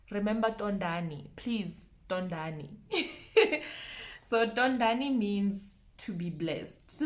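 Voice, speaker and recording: Slow, careful woman teaching pronunciation. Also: medium pitch. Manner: slow, repeats each name carefully, laughs often. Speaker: language teacher. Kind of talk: pronunciation lesson.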